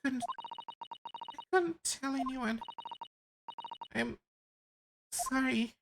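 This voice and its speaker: A woman playing a hushed, timid young woman. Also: high-pitched, drawn-out words, vocal fry, background noise, voice pushed up, full character voice. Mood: frightened. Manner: hushed, faltering.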